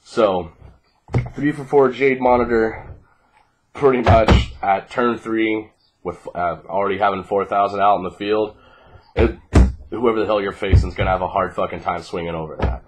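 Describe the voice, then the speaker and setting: A man in his twenties with a fairly low voice, speaking at a normal speed, presents his card deck in a casual, sweary, laid-back way. He sounds groggy and congested from fighting off a cold. It's a noisy home webcam recording with clicks, made indoors in a small living room.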